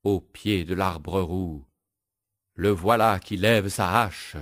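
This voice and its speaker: A man reading a children's story aloud in a slow, deliberate, sing-song manner. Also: low-pitched, a bit bright, no echo, studio quality.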